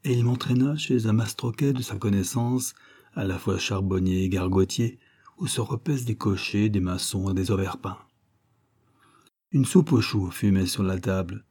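A man narrating a literary story in a measured reading voice. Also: on the low side, mellow, breathy edge. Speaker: audiobook reader.

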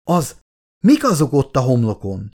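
A man's voice: wildly swooping pitch, a little mellow. A man voicing a nervous, shaky lab assistant in audiobook dialogue, with jittery exclamations. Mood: tense. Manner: jittery, high-pitched exclamations.

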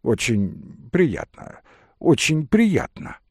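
A man's voice: on the high side, huge pitch swings, extremely slow, darkish tone, breathy edge, no room sound, studio quality, pitched above the performer's own voice, heavily acted. A man doing a flustered, stammering jealous husband. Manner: agitated, stammering. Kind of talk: audiobook character reading.

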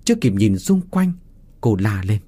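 A man narrating a scripted horror story in a dramatic, expressive way. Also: lowish voice, normal speed, no room sound.

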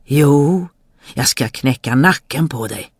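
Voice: lively intonation, husky, dry recording, studio quality. A narrator voicing a huge, boastful spirit trapped in a bottle, in a storybook reading, crying out and threatening. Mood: menacing. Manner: shrill pleading cries, then booming threats.

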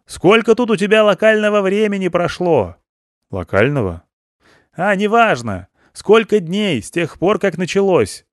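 A man doing a loud, shouting male rescuer. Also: a little high, sing-song, a little slow, no echo, studio quality, pitched above the performer's own voice. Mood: bossy, loud. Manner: shouting, emphatic.

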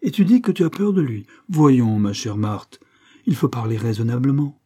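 A male reader voicing a stern middle-aged father who calmly reasons with his daughter about a marriage proposal. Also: mid-range voice, breathy edge. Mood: firm. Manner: measured, lecturing, firm. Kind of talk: audiobook character reading.

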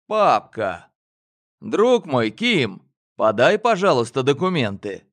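A man voicing a shrewd, calm elder male telepath in an audiobook. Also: medium pitch, slow pace. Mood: measured, commanding. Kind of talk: audiobook character voice.

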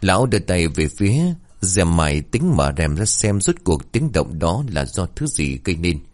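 A man narrating a horror story in a dramatic, expressive reading. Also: deep voice, normal speed.

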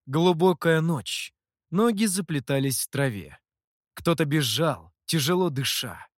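A man's voice: a little high, no room sound, clean studio sound. A man narrating an audiobook, reading expressively in a storytelling manner. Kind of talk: scripted narration.

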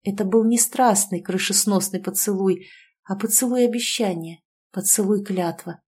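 A woman giving gentle first-person narration of a fantasy romance audiobook. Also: mid-range voice, moderate pace, husky.

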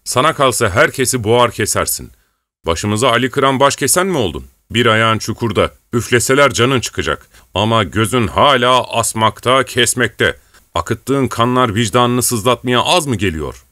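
A man voicing a rough, brawling male rebel fighter in a scornful, blustering manner. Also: mid-range voice, animated, normal speed, sharp tone, no echo, studio quality, voice pushed up.

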